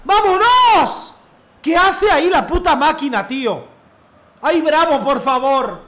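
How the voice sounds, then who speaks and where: A man from commentating his own football video game match, cheering loudly at goals and repeating his phrases. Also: extremely high pitch, animated, unhurried, a little hiss or hum. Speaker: gaming youtuber. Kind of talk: excited live gameplay commentary.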